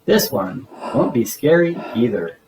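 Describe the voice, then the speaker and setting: A man voicing a big, gentle, curious childlike bird in a storybook, innocent and exclamatory. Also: mid-range voice, big pitch swings, unhurried, a little hiss or hum, rough recording. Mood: reassuring.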